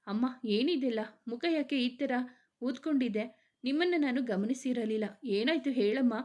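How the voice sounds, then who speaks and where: A woman's voice: fairly high pitch, moderate pace, darkish tone, lightly acted. A woman voicing a worried young man, a boss and devoted son, in a storybook reading.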